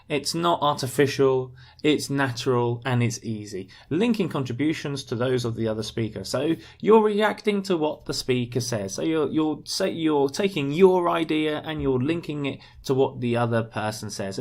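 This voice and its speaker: A male teacher explains how a speaking exam is marked, working through each point with examples. His voice has a steady middle pitch with a gravelly, creaky edge. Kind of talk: instructional video lesson.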